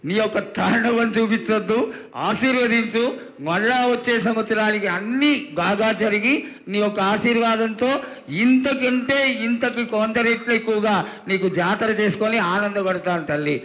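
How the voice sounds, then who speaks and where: Guy priest with a really high voice, begging and asking the goddess respectfully, muffled live sound. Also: steady tone, moderate pace. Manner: reverent, supplicating, addresses the goddess as mother. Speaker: priest questioning the oracle. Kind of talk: devotional pleading and questioning.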